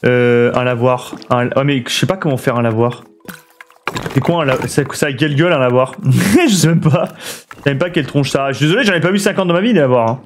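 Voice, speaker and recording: A man's voice: medium pitch, a little fast, background noise. A man streaming a building game, thinking aloud and chatting with his viewers in a casual way. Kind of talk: casual let's play commentary.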